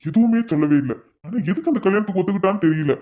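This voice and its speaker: A voice actor playing a middle-aged father in a cartoon who is pleased his daughter loves his nephew, speaking in a smug, drawn-out way. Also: medium pitch, lively intonation, close to an everyday voice. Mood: relieved. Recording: dull lo-fi recording.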